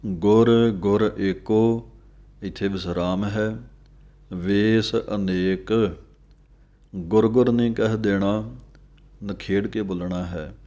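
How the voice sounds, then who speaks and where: ਹੌਲੀ, ਸਪਸ਼ਟ ਪਾਠ ਸਿਖਾਉਂਦਾ ਆਦਮੀ. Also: male voice, lowish voice, steady tone, darkish tone. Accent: Punjabi. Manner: slow, drawn-out recitation alternating with explanation. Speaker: religious teacher. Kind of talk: slow pronunciation lesson.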